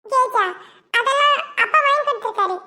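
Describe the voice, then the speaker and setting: A woman's voice: extremely high pitch, brisk, sharp tone, exaggerated voice. A woman voicing a chatty preschool girl in a cartoon, with childish baby talk. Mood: chirpy. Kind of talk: cartoon web series voice acting.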